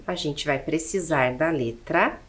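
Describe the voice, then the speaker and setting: A woman's voice: deep voice, a little slow. A woman teacher with a Brazilian Portuguese accent, giving a patient classroom lesson and counting aloud step by step with rhetorical questions.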